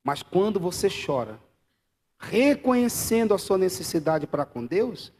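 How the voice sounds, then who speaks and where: A man with a Brazilian Portuguese accent preaching a live church sermon, swinging from loud exclamations to quiet asides and bantering with the congregation. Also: high voice, big pitch swings, unhurried. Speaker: pastor.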